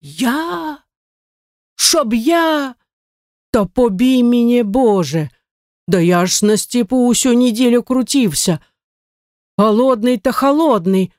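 A sullen, self-pitying old labourer with a Ukrainian accent, as the reader puts him on, swearing hoarse oaths that he is innocent. The storybook reading is dry and close. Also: extremely high pitch, expressive, takes it slowly, long pauses, no echo, pitched above the performer's own voice, exaggerated voice. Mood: aggrieved protesting. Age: older. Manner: protesting, hoarse, oath-swearing.

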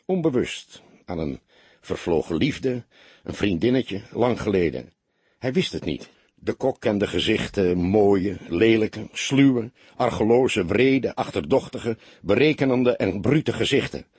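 A man narrating an audiobook in a measured, expressive reading style. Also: on the low side, breathy edge, no room sound. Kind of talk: scripted narration.

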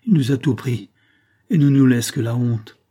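Gruff terse charcoal burner, read by a man, dark mellow tone. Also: medium pitch, steady tone, fairly quick, close to an everyday voice. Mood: angry.

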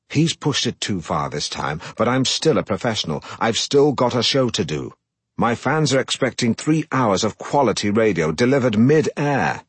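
A middle-aged man, reading a comic first-person story aloud in a deadpan, self-important manner, close to the mic. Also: on the low side, husky, no room sound. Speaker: audiobook narrator.

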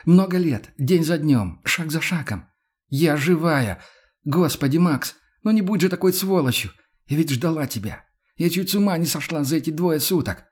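Man playing a young woman, emotional, pleading, higher voice, breathy edge. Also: animated, normal speed, darkish tone. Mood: desperate. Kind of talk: audiobook character voice.

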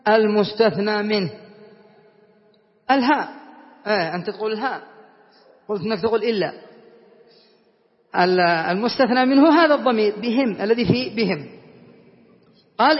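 A man teaching a classroom grammar lesson, often quizzing his students and reciting verses slowly and deliberately. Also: extremely high pitch. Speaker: teacher explaining Arabic grammar. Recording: lo-fi, reverberant classroom recording.

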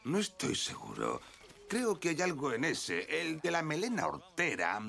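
Royal lemur adviser for animation: skeptical, gravel-voiced, dry yet very varied in pitch. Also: male voice, huge pitch swings, a little slow, heavily acted. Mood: dry, doubtful. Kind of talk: animated film dubbing. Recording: loud music behind.

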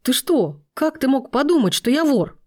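A woman reading an audiobook voices a hot-tempered young man who shouts indignantly when accused. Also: high-pitched, sing-song, normal speed, pitched above the performer's own voice. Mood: furious.

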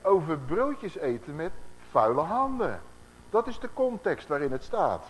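A man preaching a conversational Bible-teaching sermon to a gathered congregation, animated and full of rhetorical questions to his listeners. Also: fairly high pitch, measured pace, low-quality recording.

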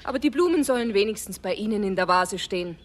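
A woman's voice: medium pitch, animated, quick pace, lightly acted. A woman as a stern mother. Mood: polite. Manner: stern, then flustered. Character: scolding but loving mother. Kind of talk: 1970s radio play acting.

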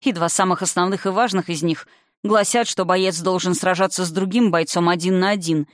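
A man's voice: high-pitched, fairly even intonation, fairly quick, dry recording, clean studio sound, natural voice. A reader voicing a young male silver dragon, irritable and gloomy, who talks in a sarcastic, snapping way in an audiobook. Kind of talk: audiobook character reading.

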